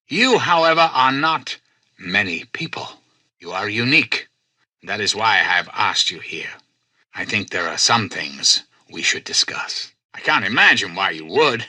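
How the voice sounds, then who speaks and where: President Eden, forceful, commanding computer leader. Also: male voice, mid-range voice, breathy edge, dry recording, heavily acted. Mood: smooth, assured. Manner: measured, formal, persuasive, faintly condescending. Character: courteous, commanding, manipulative male computer president. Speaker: voice actor. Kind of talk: video game character dialogue.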